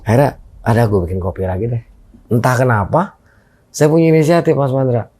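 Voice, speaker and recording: A man's voice: medium pitch, fairly quick. A middle-aged man, telling a personal anecdote as a guest in casual conversation and acting out the dialogue in it. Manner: animated, re-enacts dialogue in his story. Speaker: guest storyteller.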